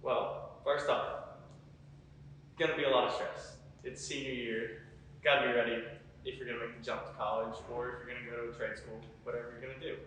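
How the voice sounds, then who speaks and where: A young man speaks casually as a student interviewee, at a medium pitch. The recording is very echoey and distant from the mic, with faint noise behind him. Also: level tone, fairly quick, fairly bright tone. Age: young adult. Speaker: college student being interviewed.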